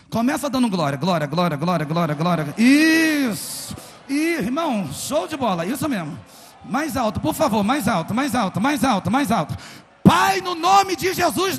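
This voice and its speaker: A Brazilian pastor delivers a fervent sermon, his voice pitched high. He acts out stories with dramatic flair. The recording carries the long echo of a large church hall and a faint background hum. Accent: Brazilian Portuguese. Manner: fervent, dramatic storytelling preacher.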